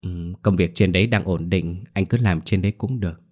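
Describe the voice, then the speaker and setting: A scheming young wife from a spoken horror story, shrill and pleading, her fake grief pitched well above the reader's own voice, as a man acts her out. Sweet on the surface and false underneath. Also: moderate pace, darkish tone. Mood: coaxing.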